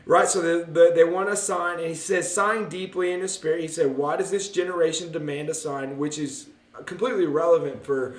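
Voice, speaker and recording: A man's voice: a little high, fairly even intonation, fairly quick. Casual man teaching Bible study. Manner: joking, conversational, reads scripture aloud. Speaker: pastor leading Bible study. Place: church room. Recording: echoey room from a distance.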